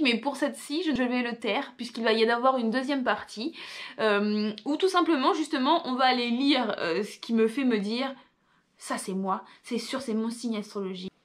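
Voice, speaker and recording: A young woman, reading quiz questions aloud and answering with offhand asides in a casual vlog. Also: high-pitched. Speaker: vlogger.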